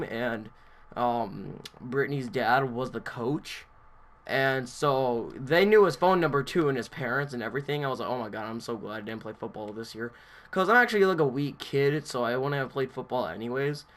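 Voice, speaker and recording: A man's voice: mid-range voice, fairly bright tone. A young man vlogging, telling a story in a rambling, casual way with lots of filler words.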